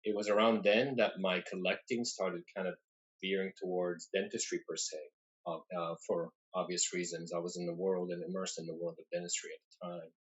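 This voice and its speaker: Deep-voiced young man from Lebanon. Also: level tone, brisk, rough recording. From Lebanon, raised in the Middle East. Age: young adult. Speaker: dentist and book collector, guest. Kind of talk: casual video call interview. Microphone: video call.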